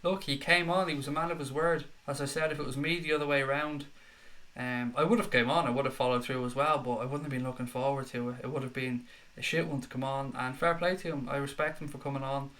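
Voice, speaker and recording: A man's voice: mid-range voice, steady tone, fast, a bit bright. A man with a Dublin Irish accent hosts a casual live stream with a slight head cold, reading viewer messages aloud and answering them in a matey way. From Dublin, Ireland.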